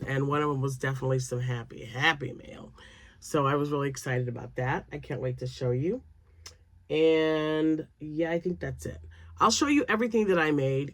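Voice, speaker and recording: In a dry recording, a woman in her later years speaks in a deep voice, chatting casually to camera as a crochet vlogger. Sinus drainage leaves her slightly nasal and froggy. She rambles on with many fillers and laughs a lot.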